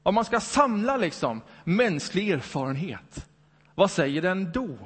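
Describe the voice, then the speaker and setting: A man's voice: high-pitched, very animated, slightly rough. A man preaching a Sunday sermon in a conversational way, full of rhetorical questions. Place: church hall. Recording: long hall reverb.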